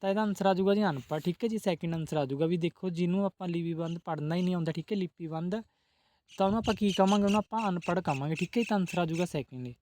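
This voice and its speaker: A man's voice: high-pitched, very fast, darkish tone. A man teaching exam-prep questions, who asks each question and then answers it, adding a polite "ji" again and again.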